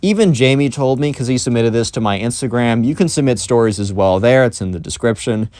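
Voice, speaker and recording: A man's voice: medium pitch, brisk, darkish tone, dry recording, clean studio sound. A man telling a story on his vlog in a casual, rambling way, full of fillers. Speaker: storytime YouTuber.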